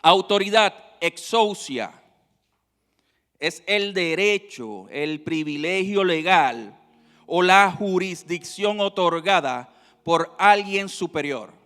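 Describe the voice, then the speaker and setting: A male pastor preaching a sermon, swinging between loud emphasis and quiet, drawn-out teaching. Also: high voice, animated, clear, resonant tone. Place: church sanctuary. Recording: reverberant hall with faint music.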